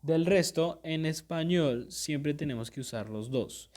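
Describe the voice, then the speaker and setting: A man's voice: fairly high pitch, a little mellow. Patient man teaching a grammar lesson. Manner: patient, checks in with "¿listo?" and "¿cierto?" after each point; repeats and restates points slowly, with small self-corrections.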